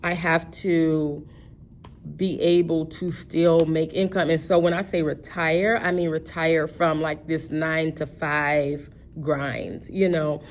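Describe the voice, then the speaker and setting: Woman, 50s, low voice, casual rambling vlogger, faint background noise. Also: flat delivery, slow. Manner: rambling, self-correcting, many fillers. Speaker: personal finance vlogger. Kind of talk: casual budgeting chat.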